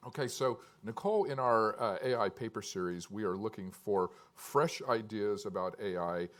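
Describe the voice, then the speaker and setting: Low-voiced male moderator posing questions. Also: moderate pace, a bit bright. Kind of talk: panel moderation.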